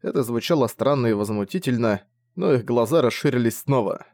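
Man narrating an audiobook, steady. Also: mid-range voice, a little fast, dry recording, studio quality. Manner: steady, even reading.

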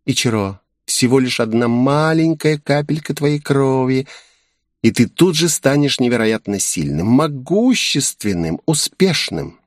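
A man's voice: mid-range voice, animated, unhurried, no room sound, clean studio sound, pitched above the performer's own voice, natural voice. A man voicing a coy, playful female demon guardian in an audiobook, purring and teasing. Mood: coaxing. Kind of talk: audiobook character voice.

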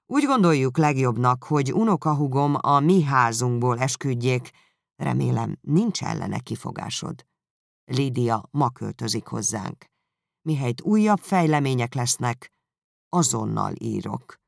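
Gravelly man reading an audiobook. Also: mid-range voice, no room sound, clean studio sound. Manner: even, measured reading. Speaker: audiobook narrator. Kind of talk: scripted literary narration.

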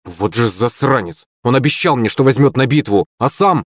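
A man's voice: medium pitch, expressive, moderate pace, dry recording, studio quality, natural voice. A man voicing a furious, hot-tempered young woman fighter in an audiobook, in a snarling, clipped way. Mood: angry. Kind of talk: audiobook character reading.

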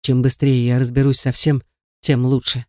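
A reader voicing a wounded young man with a hoarse, strained voice, stubborn and insistent. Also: medium pitch, flat delivery, moderate pace, a little mellow, dry recording, studio quality, close to an everyday voice.

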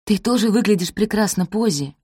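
A woman reading aloud and voicing a gentle, patient young servant girl who reassures others. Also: mid-range voice, expressive, brisk, husky, no echo, studio quality, voice pushed up. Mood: kind. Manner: soothing, reassuring. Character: patient kind young maid, weary but gentle.

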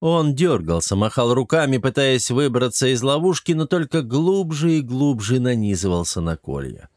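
A man narrating an audiobook in a steady, even storytelling voice. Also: mid-range voice, normal speed, no echo, clean studio sound. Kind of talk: scripted narration.

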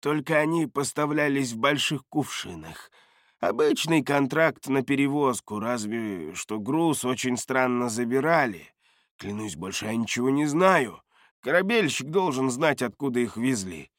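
A man's voice: mid-range voice, expressive, unhurried, fairly bright tone, no echo, studio quality. A man voicing a jittery, shifty male dealer who whines and pleads in a raised voice. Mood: pleading.

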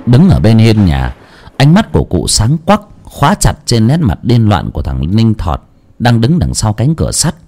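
A man narrating a horror story in a slow, brooding, expressive way. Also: fairly low pitch.

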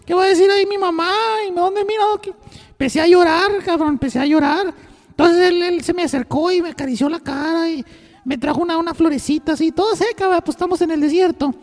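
A woman's voice: very high voice, fast, darkish tone. A woman with a Mexican accent telling a crude, profane comic story on the radio, rambling and full of slang. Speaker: on-air storyteller. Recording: reverberant studio with faint music.

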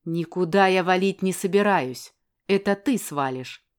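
Woman doing nasty sneering young woman, loud and scornful, kinda low voice. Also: unhurried, clear, resonant tone, natural voice. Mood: shouting. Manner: hissing, scornful, raised voice. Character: spiteful, sneering young woman, contemptuous rival.

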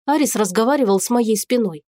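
A woman's voice: on the high side, animated, fairly quick, warm tone, no echo, clean studio sound. A woman reading a first-person fantasy audiobook with an emotional, indignant storytelling manner. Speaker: audiobook narrator.

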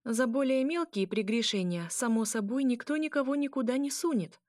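A woman voicing a brash young noble mermaid woman, loud and commanding, laughing often. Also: fairly high pitch, moderate pace, no room sound, studio quality, voice pushed up, lightly acted. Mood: boisterous.

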